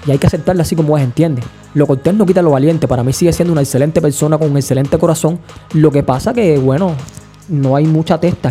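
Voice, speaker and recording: A man hosts a podcast, talking through his opinions in a measured, analytical way. His voice is dark and mellow, pitched a touch above the usual male range. Soft music plays faintly behind him. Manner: measured, analytical, often asks "you know?". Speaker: podcast host. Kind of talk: opinion commentary.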